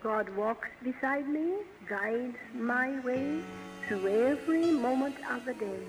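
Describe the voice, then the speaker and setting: A woman's voice: high voice, over music, low-quality recording. Older woman's prayer from an old recording. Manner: slow, measured recitation. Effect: old archival recording played back. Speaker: prayer leader. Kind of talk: recited rhyming prayer.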